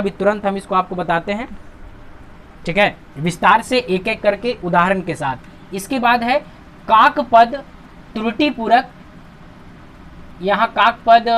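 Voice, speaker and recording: A man teaching a grammar lesson, patiently walking through on-screen examples, asking himself questions and answering them, and reading example sentences slowly with emphasis. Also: high-pitched, a bit bright, a little hiss or hum. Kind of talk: classroom-style lesson explaining on-screen examples.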